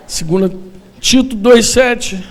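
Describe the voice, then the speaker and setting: Man, Brazilian accent, pastor, high voice, animated casual sermon, questions to the audience. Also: slow, slight background noise. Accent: Brazilian Portuguese. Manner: animated, colloquial preaching with slang and audience questions. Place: conference hall.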